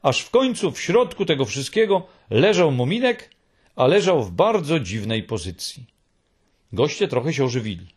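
A man narrating a children's storybook in an expressive reading style. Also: medium pitch, normal speed, husky.

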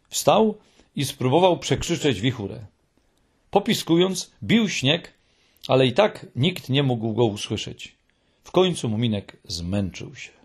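A man narrating a children's storybook in a slow, calm, husky voice. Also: mid-range voice. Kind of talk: audiobook narration.

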